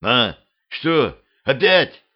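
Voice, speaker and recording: A man playing a sleepy, easygoing man woken at night in a storybook, mumbling in a drowsy, puzzled way. His pitch is ordinary for a man and the homemade recording sounds slightly muffled. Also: very animated, drawn-out words.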